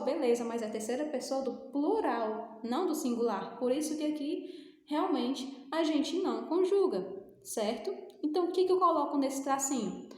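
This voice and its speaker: A woman's voice: sits high, darkish tone. A woman from Brazil with a Brazilian Portuguese accent, teaching English grammar in a recorded class, patient and explaining step by step while often checking in with the students. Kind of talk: recorded remote class lesson. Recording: echoey room, long reverb.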